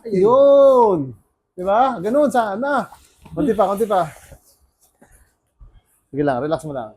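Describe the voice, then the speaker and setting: A man working as a bone setter, talking a patient through a massage with calm, soothing instructions to relax and breathe. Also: high-pitched, slow pace, a little hiss or hum. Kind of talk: casual coaching during a massage treatment. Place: on a yacht.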